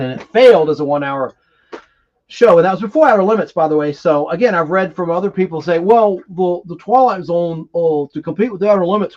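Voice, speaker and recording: A man's voice: a little high, highs cut off. A man hosting a casual nostalgic TV live stream, talking in a rambling, enthusiastic, geeky way.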